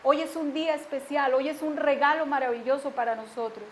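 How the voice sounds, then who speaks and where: A middle-aged woman preaching a sermon and telling her own testimony, earnest, swinging from hushed confessions to emphatic declarations. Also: high-pitched, fairly even intonation, brisk, a little hiss or hum.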